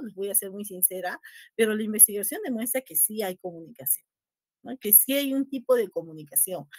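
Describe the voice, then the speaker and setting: A woman's voice: on the high side, no echo, studio quality. Woman lecturing, ending every phrase with "¿no?". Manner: tags almost every phrase with a questioning "¿no?"; asks the class questions and acts out lines to her pet dog. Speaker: linguistics teacher. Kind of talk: lecture to a class.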